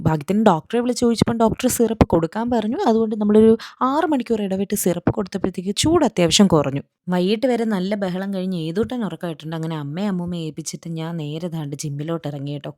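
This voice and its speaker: A woman's voice: medium pitch, warm tone, no echo, clean studio sound. A young woman narrating a daily family vlog in an informal, chatty way, addressing viewers familiarly. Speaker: family vlogger.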